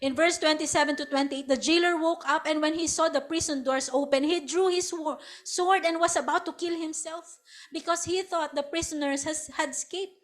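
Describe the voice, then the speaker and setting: High-voiced Filipino woman preaching. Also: normal speed. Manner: animated Taglish preaching with acted quotes. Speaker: pastor. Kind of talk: sermon.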